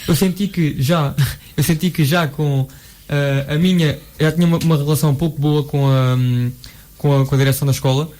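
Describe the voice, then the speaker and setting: A man's voice: on the high side, steady tone, a little fast, darkish tone. A young man with a European Portuguese accent hosting a student talk show in an informal, repetitive conversational way. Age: young adult. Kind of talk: casual conversation.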